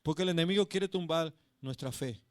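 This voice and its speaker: A male pastor preaching a sermon. He tells a story with passion, swinging between loud and hushed, and calls his listeners brother. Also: on the high side, a little fast, no echo, studio quality.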